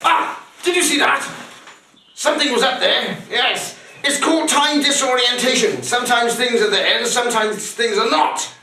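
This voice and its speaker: A man's voice: very high-pitched, normal speed, pushed and bright. A man rambling through a crude mock-instructional comedy monologue, swearing a lot. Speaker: comic performer. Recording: echoey room, far mic, noisy.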